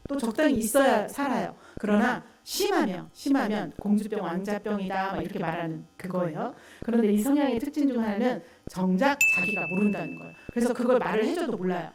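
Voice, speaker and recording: A woman pastor preaching a sermon. She asks the congregation questions and answers them herself. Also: medium pitch. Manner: acts out quoted voices loudly. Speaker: pastor and counselor. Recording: echoey room, mic at a distance, faint hum.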